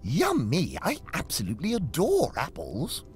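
A man's voice: on the high side, wildly swooping pitch, normal speed, faint music behind, pitched above the performer's own voice. A man voicing an impatient, greedy young girl for a comic storybook game, in a prim, theatrical, whiny way. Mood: gleeful. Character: frightful young girl trapped in a snow globe, impatient and greedy.

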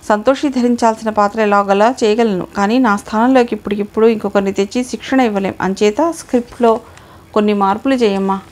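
A woman's voice: fairly high pitch, darkish tone, natural voice. A woman voicing a young male dancer who speaks to his mother with earnest resolve in an audiobook reading. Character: determined young male dancer, loving son.

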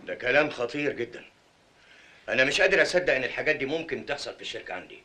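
A man's voice: medium pitch, lively intonation, racing, bright, forceful tone. An actor playing a self-assured male factory owner with an Egyptian accent, speaking in a patronising way. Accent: Egyptian Arabic. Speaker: company boss.

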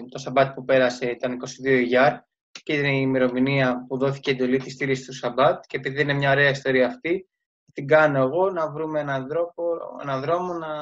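A man telling a religious story in a casual daily talk, with many fillers and restarts. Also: medium pitch. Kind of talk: casual spoken storytelling lesson. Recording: dull lo-fi sound.

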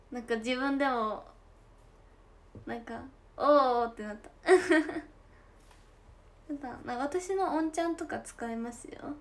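Giggly high-voiced young woman streaming. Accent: Tosa dialect. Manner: chatty and giggly, drawn-out soft endings. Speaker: idol livestream host. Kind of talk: casual livestream chat reading comments.

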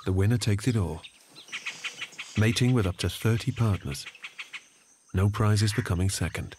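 A man reading scripted nature documentary narration in a measured storytelling manner. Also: fairly low pitch, background noise. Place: studio voice-over. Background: background music.

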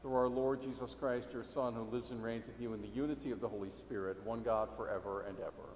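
A man leading a church liturgy as presiding priest, praying in a measured, formal way, with a cathedral echo around his voice. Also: medium pitch, fairly even intonation, a little mellow, slight background noise. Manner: measured, formal prayer delivery. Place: large church interior. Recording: echoey church hall, faint ambience.

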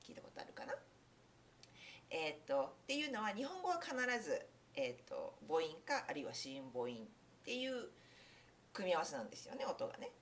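Low-pitched woman teaching with lively intonation. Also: a little fast, slight background noise. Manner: friendly explaining, many fillers and self-corrections. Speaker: English pronunciation teacher. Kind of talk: casual spoken lesson.

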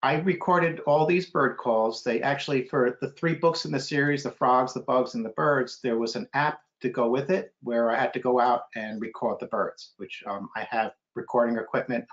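A middle-aged American man, a guest author, answers questions casually on a video call from an indoor room, using a computer mic. His mid-range voice has fairly even intonation and a moderate pace. The audio is dull and lo-fi.

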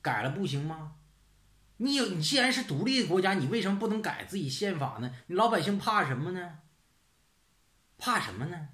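A man's voice: high voice, big pitch swings, a little fast, fairly bright tone. A man hosting his own channel, ranting in a blunt, sarcastic, casual way. He swears often and keeps throwing out rhetorical questions. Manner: rhetorical questions, "是不是" tag. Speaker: channel host. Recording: roomy echo.

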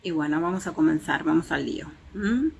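Chatty woman reviewing makeup, gravelly voice. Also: deep voice, lively intonation, fairly quick, a little mellow, slight background noise. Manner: chatty, hesitant fillers, shows swatches to viewers. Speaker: beauty vlogger. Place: home terrace, outdoors in daylight.

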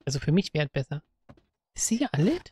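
Giggly woman gaming, lowish voice. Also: sing-song, fast talker, background noise. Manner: chatty, giggly, talks to the zombies, bursts into sing-song rhymes. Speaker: let's play gamer. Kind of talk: casual gameplay commentary.

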